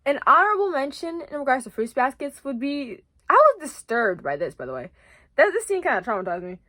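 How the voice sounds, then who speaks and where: A high, bright young woman vlogging in casual chat. She rambles with excitement, restarting sentences and repeating herself for emphasis. Her voice sits close and dry on the mic. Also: a little fast, dry recording.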